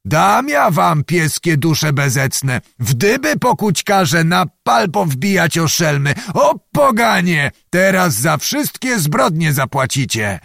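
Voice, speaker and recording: A man shouting as a hot-tempered old nobleman. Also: sits high, animated, unhurried, gravelly, few pauses, no echo, studio quality, voice pushed up, heavily acted. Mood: furious. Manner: shouting, scolding insults.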